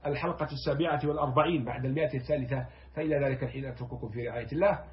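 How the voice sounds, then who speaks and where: Man, poetry teacher, rapid and animated, muffled lo-fi recording. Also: medium pitch, a little hiss or hum. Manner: animated, rising loud when stressing a point; quotes verses slowly and gravely, then explains in dialect. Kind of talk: explaining classical poetry line by line. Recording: dull lo-fi sound.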